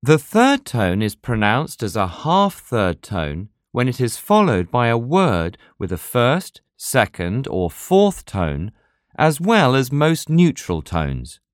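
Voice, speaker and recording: A narrator slowly reading a scripted language lesson, explaining pronunciation rules in a measured way. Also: medium pitch, wildly swooping pitch, dry recording, studio quality. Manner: slow, measured, very varied intonation. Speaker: language teacher.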